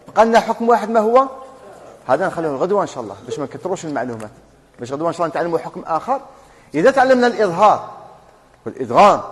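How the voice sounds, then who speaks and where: A man's voice: sits high, long reverb tail. A man with an Algerian Arabic accent teaching a classroom lesson on Quran recitation rules. He quizzes his students and then answers his own questions. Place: mosque hall.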